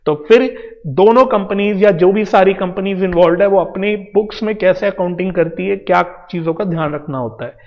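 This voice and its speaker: Indian guy teaching accounts, high voice, kinda muffled and echoey. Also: moderate pace. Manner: explains patiently in Hindi-English mix, addresses students directly. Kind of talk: online coaching lecture. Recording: dull sound with long reverb.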